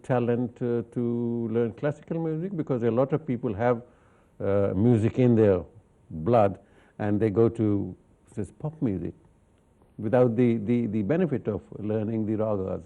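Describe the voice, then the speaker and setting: A man's voice: lowish voice, normal speed, highs cut off. A man hosting a talk show, asking questions with stammering restarts and frequent murmured agreement. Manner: stammering restarts, steady backchanneling. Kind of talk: conversational interview.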